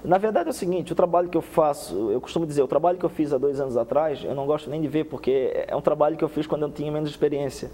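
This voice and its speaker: In a studio TV interview, the guest, a young male researcher on a lapel mic, explains at speed with animated hand gestures, restarting again and again. The voice is a touch high and the room sounds large.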